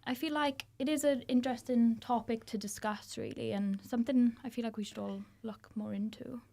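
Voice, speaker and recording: A woman's voice: fairly high pitch, fairly even intonation, brisk, vocal fry, warm tone. A young woman with a Welsh Valleys accent, co-presenting an informal student radio discussion. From the South Wales Valleys. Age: young adult.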